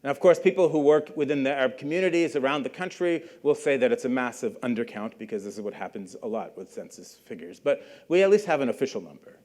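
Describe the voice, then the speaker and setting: A middle-aged man from Canada gives a university lecture to a live audience. His delivery is loose and conversational, and he keeps asking the room questions and tagging his points with "right?". His voice sits at an ordinary middle pitch for a man. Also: animated, fast, hardly any pauses, a little mellow. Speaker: guest lecturer.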